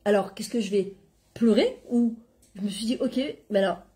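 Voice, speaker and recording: A middle-aged woman giving an informal religious lesson, talking in a lively, conversational way and dropping Hebrew terms into her French. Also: medium pitch, normal speed. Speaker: Torah class teacher and coach.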